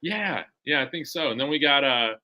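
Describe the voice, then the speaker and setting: A man hosts a casual sports talk show and eagerly draws out his guest with questions. His voice is very bright and forceful. It sits at a middle pitch. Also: animated, moderate pace, low-quality recording. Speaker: show host.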